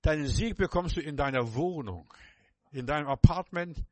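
A man's voice: a little high, animated, normal speed, dry recording. An older man preaching a sermon, fervent and repetitive, speaking straight to the listener with many restarts.

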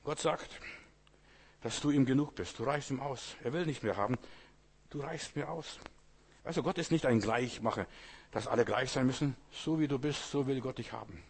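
Husky-voiced man preaching, talking straight to the congregation, repeating his urging lines with rising force. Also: medium pitch, normal speed. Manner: conversational, keeps asking the audience "weißt du"; repetitive exhortation, rising loud on key phrases. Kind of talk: sermon.

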